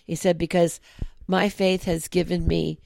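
Gravelly low-voiced woman, chatty. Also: level tone, measured pace, mellow. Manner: lots of agreeing backchannels, storytelling. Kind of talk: casual chat.

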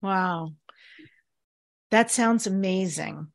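A woman's voice: mid-range voice, extremely slow, creaky. A woman speaking conversationally as the host of a podcast interview.

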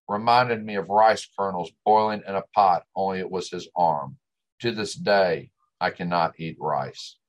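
Male storyteller, lowish voice, West Texas twang and drawl, delivering a scripted first-person monologue. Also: low-quality recording. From West Texas, United States.

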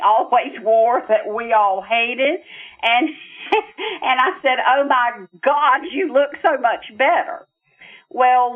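Earnest woman storyteller on a phone line. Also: medium pitch. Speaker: guest spiritual counselor. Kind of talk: personal storytelling in an interview.

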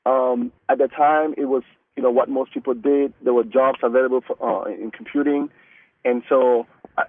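Through a tinny, dry, phone-like connection with no echo, an interview guest from Cameroon talks in a mid-range voice. Mungaka is his first language, and he speaks earnestly but haltingly, often starting his sentences over in this casual chat.

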